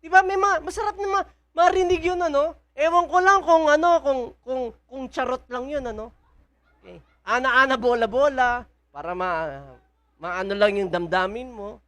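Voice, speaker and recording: A woman's voice: high-pitched, normal speed, fairly bright tone. A woman with a Filipino accent preaching a sermon in a church, often asking the congregation questions. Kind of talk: sermon mixing Tagalog and English.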